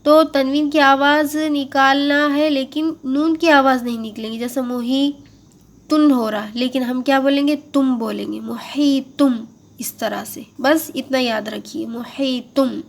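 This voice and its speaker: A woman teaching Quran recitation in a patient, step-by-step tajweed lesson, drawing out words slowly as models and then explaining them. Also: sits high, fairly even intonation, vocal fry. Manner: slow, drawn-out model recitation between explanations; patient, repeats and checks understanding.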